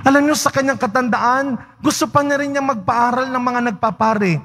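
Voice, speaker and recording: Man, priest, homily, fairly high voice, conversational, asks questions, church. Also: fairly quick, a bit bright. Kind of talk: homily at Mass. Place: large church.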